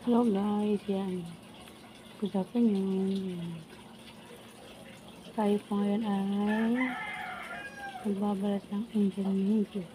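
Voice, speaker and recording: Filipino woman missing front teeth, even-pitched chat. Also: slow, pauses often. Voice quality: speech of someone missing upper front teeth. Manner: informal, chatty, talking to viewers while preparing and eating food. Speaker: vlogger. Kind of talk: casual food vlog chat. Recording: noisy home recording with roosters crowing. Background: background noise, chickens and roosters.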